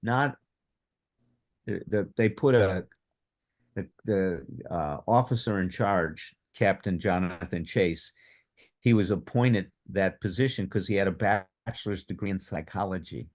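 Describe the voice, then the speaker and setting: A man in his seventies telling his own story in animated fashion at a recovery workshop, acting out the voices of people in it. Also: low-pitched, a little slow. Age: 70s. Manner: animated, acts out quoted dialogue. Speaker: workshop speaker on addiction recovery. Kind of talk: personal storytelling.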